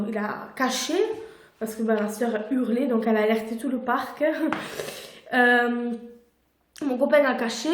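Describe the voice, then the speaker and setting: A woman's voice: on the high side, darkish tone. Chatty young woman in an echoey room. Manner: chatty, many fillers and restarts. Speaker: vlogger. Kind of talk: casual storytime vlog. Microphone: phone camera.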